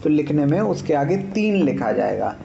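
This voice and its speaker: A man's voice: a little high, sing-song, normal speed, creaky, dark tone, lo-fi sound, slight background noise. A man teaching Sanskrit grammar in an online class, patiently explaining and checking that students follow. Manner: patient, checks understanding, demonstrates sounds aloud.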